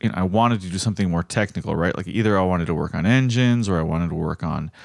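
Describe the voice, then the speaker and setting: A man's voice: low voice, fast talker, creaky, a little mellow, dry recording, clean studio sound. A man co-hosting a casual podcast from South Florida, rambling with fillers and restarts. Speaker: podcast co-host. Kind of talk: casual chat.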